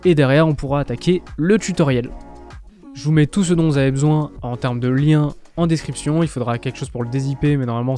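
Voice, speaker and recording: A man from France talking casually through a step-by-step software tutorial, with lots of filler sounds. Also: a little high. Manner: chatty, many filler "euh" and "bah". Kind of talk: casual screen-recorded tutorial.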